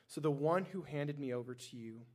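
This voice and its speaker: A man reading the lines of a calm, steadfast man on trial in a scripture reading, in a measured way. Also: a little high, close to an everyday voice.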